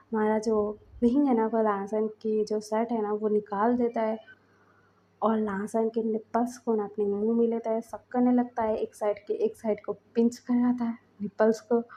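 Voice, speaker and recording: A woman's voice: fairly high pitch, dark tone, highs cut off. A woman narrating a fanfiction story in a chatty, casual way with lots of fillers.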